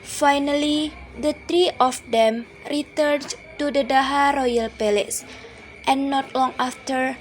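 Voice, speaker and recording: A young woman narrates a school drama with an Indonesian accent, reading in a steady, plain way. Her voice is high, with faint noise in the background. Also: takes it slowly, poor audio. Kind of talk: read-aloud story narration.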